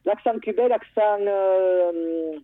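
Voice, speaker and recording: A woman calling in to a radio show, telling a personal story in a lively way, often restarting her sentences. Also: medium pitch, takes it slowly, no echo. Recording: tinny phone line.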